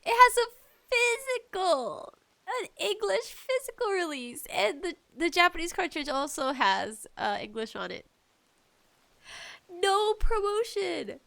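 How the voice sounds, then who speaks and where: A woman hosts a casual solo podcast about games, speaking emphatically in an animated, playfully exasperated tone. Her voice is very high and creaky, and she talks slowly.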